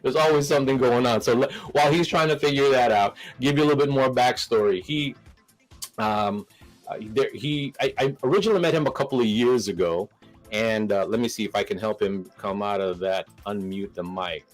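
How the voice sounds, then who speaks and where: A man's voice: medium pitch, fairly quick, poor audio. Man hosting a live stream, casual and rambling, faint music behind. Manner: rambling, restarts, nervous laughs.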